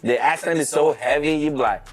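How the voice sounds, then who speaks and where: A man giving measured explanations in a casual group discussion. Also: fairly high pitch, soft background music.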